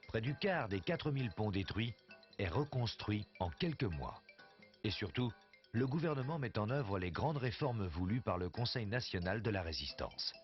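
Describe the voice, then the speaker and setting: A man narrating a documentary from a script. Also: lowish voice. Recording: dull soundtrack with faint music.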